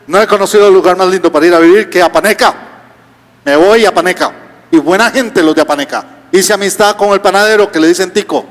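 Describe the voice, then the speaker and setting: A man's voice: high-pitched, fast. A male pastor, preaching a sermon with rhetorical questions and humorous asides. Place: church auditorium. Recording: reverberant church hall.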